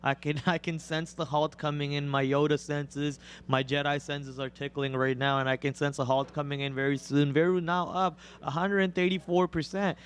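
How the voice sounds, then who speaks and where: A raspy-voiced young man, sick with a cold, co-hosts a trading live stream. He talks through each trade and calls out prices in real time with fast, excited play-by-play, his voice rising loud and high when a stock moves.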